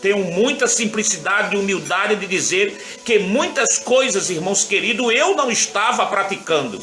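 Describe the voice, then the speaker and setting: A man's voice: high voice, animated, normal speed, sharp tone, reverberant, faint music behind. A man in his fifties, a pastor, preaching a live-streamed sermon, earnest and tender, telling his own testimony and greeting viewers by name.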